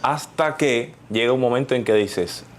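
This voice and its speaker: A man's voice: medium pitch, normal speed. A male interviewer who keeps the talk going with short prompts and finishing remarks. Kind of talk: casual interview.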